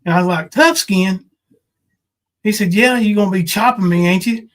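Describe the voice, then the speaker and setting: A former pro wrestler in his fifties hosts a podcast, reminiscing casually about old times with colloquial, folksy banter. He has a high, fairly bright voice and a moderate pace.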